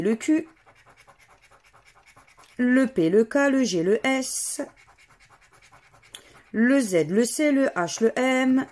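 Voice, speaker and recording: A woman's voice: on the high side, darkish tone. A woman, casually commenting as she scratches lottery tickets and spells out letters and words one by one. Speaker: scratch-card vlogger.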